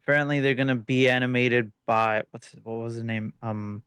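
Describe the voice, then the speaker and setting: Smooth-voiced man chatting, a bit hesitant. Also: medium pitch, a little fast, no room sound. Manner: relaxed, hesitant, lots of fillers. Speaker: podcast co-host. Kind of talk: casual chat.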